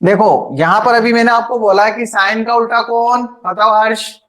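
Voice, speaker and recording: A middle-aged male math teacher, running an online lesson. His voice sits high for a man, and he keeps up a chatty, teasing banter with his students between the formulas. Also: fairly even intonation, normal speed, fairly bright tone. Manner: joking, chatty, teases students by name. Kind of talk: online class lecture.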